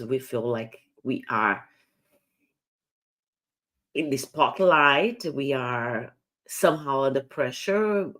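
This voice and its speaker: Slow, low-voiced woman coaching. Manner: earnest, explanatory, with frequent restarts. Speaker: communication coach. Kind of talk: live coaching talk.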